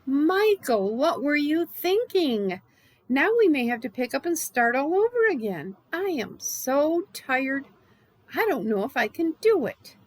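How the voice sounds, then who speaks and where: A woman's voice: high-pitched, big pitch swings, moderate pace, a little mellow, dry recording, pitched above the performer's own voice, low-quality recording. A woman reading aloud as a worried, worn-out mother who scolds her son sternly. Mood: exasperated. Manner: stern, exasperated questioning. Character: worried tired middle-aged mother.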